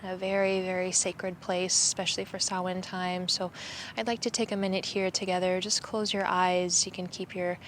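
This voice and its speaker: A young woman leads a yoga class and guided meditation outdoors, speaking in a calm, soothing voice with little rise and fall. Her pitch sits in a middle register. A faint outdoor noise stays under her words. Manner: calm, soothing, slow instructions. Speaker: yoga teacher. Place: outdoors in a cemetery.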